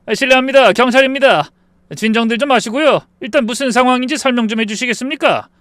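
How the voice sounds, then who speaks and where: A man's voice: very high voice, fast talker, dry recording, pitched above the performer's own voice. Man doing a polite weary police officer. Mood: calm formal. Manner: formal, calming.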